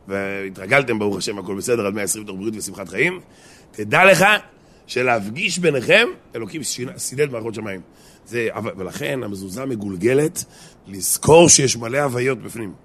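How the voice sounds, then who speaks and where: A man, a rabbi, giving a humorous Torah lesson, telling jokes between points of teaching. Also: medium pitch. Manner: lively storyteller mixing jokes and teaching. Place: study hall.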